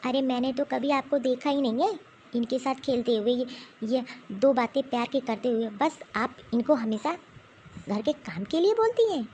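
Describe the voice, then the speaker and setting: A woman's voice: high-pitched, expressive, moderate pace, dark tone, slight background noise. Woman doing an indignant protective mother. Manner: indignant, lecturing. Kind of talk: cartoon voice acting.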